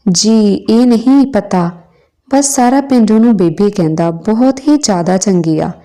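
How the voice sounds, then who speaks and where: A woman's voice: medium pitch, unhurried, mellow, close to an everyday voice. A woman voicing an earnest, cheeky young village schoolboy.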